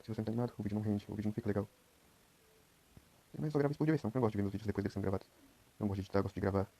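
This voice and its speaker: A young Brazilian man giving quiet, rambling commentary while he plays a game. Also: on the low side, fairly even intonation, very fast. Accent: Brazilian Portuguese. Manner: talks quietly at night, rambling. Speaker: gameplay streamer. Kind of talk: casual gameplay commentary.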